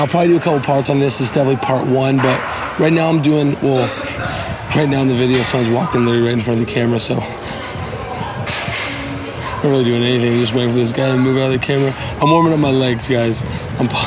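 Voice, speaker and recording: A man with a hoarse, raspy, lost voice giving a casual, instructional fitness voiceover as a coach, chatting informally to his viewers. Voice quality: raspy, strained, squeaky breaks. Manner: informal, addresses viewers as guys, repeats instructions. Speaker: fitness coach hosting a workout show.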